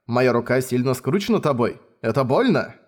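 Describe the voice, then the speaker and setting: A man's voice: medium pitch, expressive, moderate pace, lightly acted. A man reading the lines of a mischievous, teasing young man who plays at being a villain, in an audiobook. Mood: pleading. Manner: playful, smug, mock-villainous.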